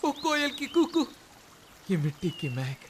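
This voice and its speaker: A woman playing a cajoling rustic chana vendor in a radio play, with a drawn-out hawker's delivery. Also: a little high, big pitch swings, a little hiss or hum. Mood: soothing, coaxing.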